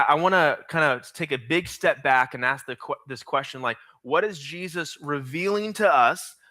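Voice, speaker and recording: A young man preaching energetically to middle school students, slowing down to stress key phrases. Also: a little high, bright, forceful tone, no echo. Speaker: youth pastor.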